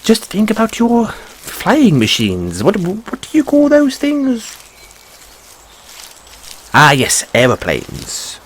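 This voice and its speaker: Voicing a shy, polite, fanciful rabbit boy in a theatrical fantasy roleplay directed at the listener, a man stammers out courteous, old-fashioned lines. His exaggerated voice sits high with wildly swooping pitch, a slow pace and long pauses, over a little hiss or hum. He sounds whimsical and musing.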